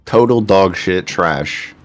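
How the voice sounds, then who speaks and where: A very deep-voiced man joins a gaming stream, complaining and swearing in frustration. His voice sits low, and the close, dry sound carries no room echo. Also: slow pace, faint music behind. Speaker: co-player on stream. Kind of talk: casual gaming chat.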